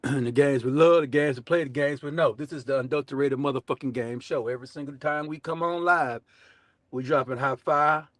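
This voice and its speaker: A man's voice: medium pitch, fairly even intonation, fairly quick, no echo. A man with a Southern US accent hosting a show with casual political commentary in a brash, profane, slangy way, repeating his catchphrases. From southern United States. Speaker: show host.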